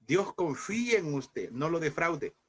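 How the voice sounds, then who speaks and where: A fervent man in his thirties preaching at a seminary class, with a fairly high voice. He keeps calling his listeners "brother" and speaks with grief in his voice. He pushes them to persevere. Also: very animated, measured pace, breathy edge. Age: 30s. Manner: fervent, addresses listeners as "hermano". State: emotional, speaking through grief. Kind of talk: impassioned sermon-style class.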